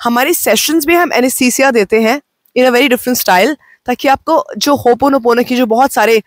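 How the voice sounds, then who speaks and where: A woman life coach gives a gentle, slow self-help talk, mixing Hindi and English. She is unwell and says her voice sounds off. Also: on the high side, no room sound. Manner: mixes Hindi and English, speaks slowly and gently. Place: outdoors on location.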